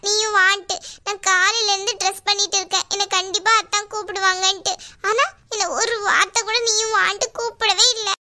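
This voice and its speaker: A woman's voice: extremely high pitch, pushed and bright, full character voice. A woman voicing a jealous, tearful young woman in a cartoon, complaining and pleading. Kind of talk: cartoon voice acting.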